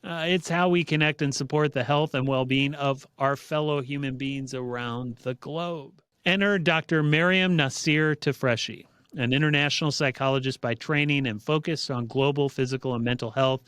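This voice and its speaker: Earnest guy hosting a podcast, smooth voice, dry close sound, measured storytelling. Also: mid-range voice, a bit bright, no room sound. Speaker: podcast host. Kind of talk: reflective monologue and interview intro.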